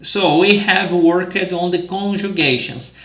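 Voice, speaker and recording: A Brazilian man with a Brazilian Portuguese accent, teaching a language lesson and speaking the drill sentences slowly and carefully. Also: sits high, fairly even intonation, pushed and bright, reverberant. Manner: slow, careful drills in Portuguese, with upbeat English asides.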